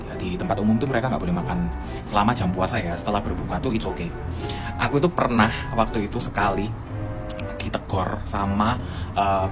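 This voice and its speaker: A man from Bali, Indonesia, casually telling stories in a chatty, lively way. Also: lowish voice. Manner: chatty, animated retelling with asides. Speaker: vlogger living abroad. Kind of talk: casual storytelling. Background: background music.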